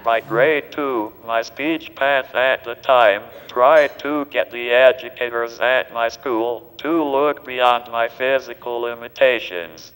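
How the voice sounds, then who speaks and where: A man's voice: medium pitch, takes it slowly, hardly any pauses, a bit bright, slight background noise. A synthetic male text-to-speech voice delivering a prepared speech through a communication device. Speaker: panel speaker using a communication device. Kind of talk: pre-recorded prepared speech. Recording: reverberant hall playback.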